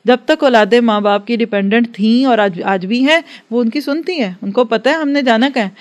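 A woman's voice: a little high, normal speed. A woman giving an earnest religious lecture to a class, advising and acting out everyday dialogues. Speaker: religious teacher.

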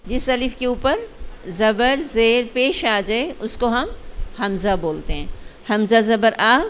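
A woman teaching recitation in an online lesson. She drills the letter sounds slowly and checks her students' understanding with quick explanations. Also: on the high side, animated.

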